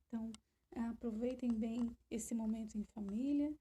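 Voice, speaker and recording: A woman's voice: a little high, steady tone, moderate pace, warm tone, husky. A woman with a Brazilian Portuguese accent teaching a remote lesson to primary school children, explaining step by step and asking questions.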